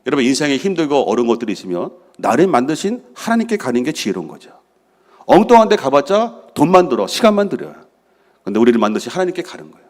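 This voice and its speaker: A man's voice: medium pitch, very animated, quick pace. A middle-aged man preaching a sermon as senior pastor, asking the congregation questions and answering them himself. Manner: drops to a soft hush for prayers he acts out.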